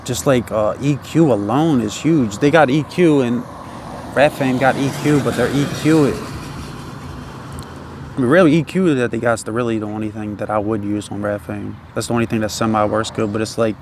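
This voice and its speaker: A man's voice: medium pitch, moderate pace, a little mellow, slight background noise. A man chatting casually in a loose, laid-back stoner drawl, rambling with slang and swearing. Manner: slangy, swearing, repeats tag phrases. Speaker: independent music artist.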